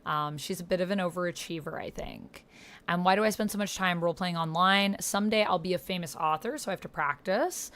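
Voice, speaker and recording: A woman hosts a playthrough of an online text roleplaying game, thinking aloud with casual, informal explanations and reading some text aloud. Her voice sits on the low side, is a bit bright, and moves fairly quickly.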